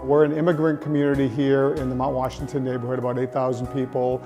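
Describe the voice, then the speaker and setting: A man explaining his community organization in an interview, talking in a halting way with many fillers. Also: mid-range voice, level tone, mellow, in a large hall, faint music behind.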